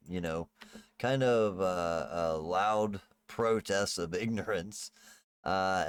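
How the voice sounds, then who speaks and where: A man working as game master, improvising tabletop game narration in a casual, halting way. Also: deep voice.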